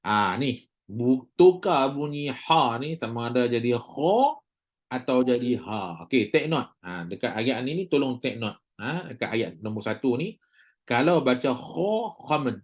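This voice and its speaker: A man's voice: medium pitch, sing-song. Chatty Malaysian Malay man teaching recitation. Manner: chatty, joking, models sounds by drawn-out demonstration. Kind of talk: casual recorded class lecture.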